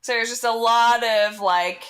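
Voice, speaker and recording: A woman's voice: on the high side, fairly even intonation, unhurried, fairly bright tone. A young woman co-hosting a comedy podcast, telling a story in casual chat, acting out the dialogue and laughing often. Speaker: podcast co-host.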